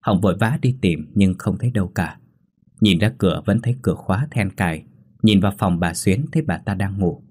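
Deep husky male ghost-story narrator. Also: animated, brisk, darkish tone. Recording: faint background music.

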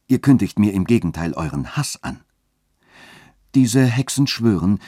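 Man doing a scheming church dean, husky, coaxing, dry close sound. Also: deep voice, no echo, full character voice. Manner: insistent, then softly coaxing. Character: scheming smooth-talking male church dean. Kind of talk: literary reading.

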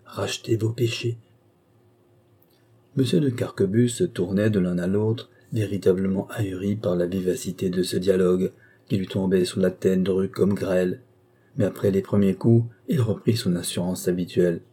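Husky, dark-voiced male narrator. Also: low voice, steady tone, moderate pace. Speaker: audiobook narrator. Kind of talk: scripted narration.

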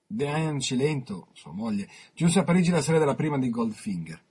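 A man on the radio reading his own written interview aloud, measured, with dramatic pauses. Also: mid-range voice, big pitch swings, darkish tone, husky.

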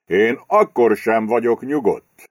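A man's voice: mid-range voice, dry recording, studio quality, lightly acted. A man voicing a nervous, anxious male businessman who whines and frets in an audiobook. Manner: anxious, whining. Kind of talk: audiobook character voice.

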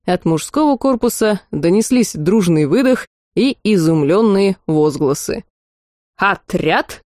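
A woman narrating an audiobook in lively first-person storytelling. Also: mid-range voice, unhurried, dry recording, clean studio sound. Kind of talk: scripted narration.

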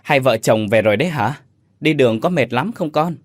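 A man voicing a gentle old village grandmother who talks in a soothing, affectionate way. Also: medium pitch, lively intonation, a little fast, dry recording, clean studio sound, close to an everyday voice. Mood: cheerful.

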